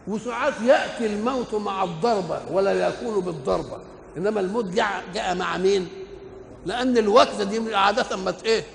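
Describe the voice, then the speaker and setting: An older Egyptian man preaching in a high, gravelly voice. He keeps posing questions to his audience and answering them himself. The old recording rings with long hall reverb over a faint hiss. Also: quick pace. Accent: Egyptian Arabic. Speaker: preacher explaining the Quran. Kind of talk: colloquial religious lecture.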